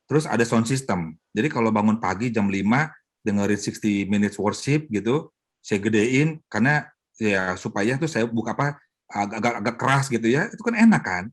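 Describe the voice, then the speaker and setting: A middle-aged man, a pastor, teaching a Bible study in a lively, joking way, acting out wives' prayers. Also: lowish voice, normal speed. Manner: animated, joking, mimics wives praying.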